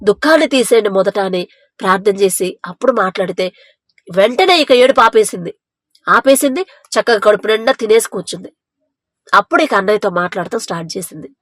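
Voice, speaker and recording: A woman's voice: medium pitch, brisk, pauses often, fairly bright tone, dry recording. A woman preaching a devotional sermon with fervent, earnest storytelling, acting out the people in her story.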